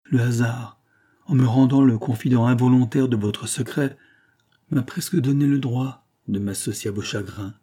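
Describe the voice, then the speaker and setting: A man reading an ardent young man who speaks earnestly and imploringly, in a low, husky voice. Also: fairly even intonation, moderate pace, mellow, lightly acted. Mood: pleading. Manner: fervent, imploring.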